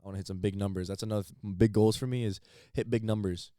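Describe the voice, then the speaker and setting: A teenage man co-hosting a podcast in casual chat, halting and repeating words as he thinks. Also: fairly low pitch, steady tone, warm tone, no room sound, studio quality. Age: teens. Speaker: podcast co-host.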